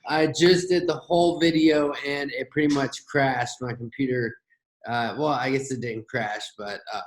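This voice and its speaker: A man hosting a trading channel, talking fast and loosely through a screen-share market rundown, with hiccups and gasps between phrases. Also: mid-range voice, steady tone, low-quality recording. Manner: fast, rambling, with fillers and restarts. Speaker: forex trading channel host.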